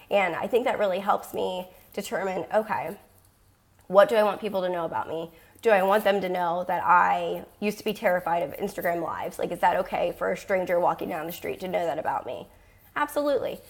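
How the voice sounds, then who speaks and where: A woman talking casually to her viewers, giving social media tips in a chatty, rambling way full of ums and likes. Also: medium pitch. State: losing her voice.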